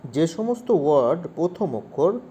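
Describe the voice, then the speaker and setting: Man teaching grammar, mellow voice. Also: on the high side, big pitch swings, unhurried. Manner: asks questions and repeats key points. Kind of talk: explaining grammar to children.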